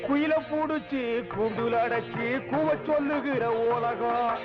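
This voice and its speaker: An actor playing a proud, theatrical village guitarist in a film drama, lamenting in a singsong way. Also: male voice, very high voice, slow pace. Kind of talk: Tamil film drama dialogue. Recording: lo-fi film soundtrack with loud music.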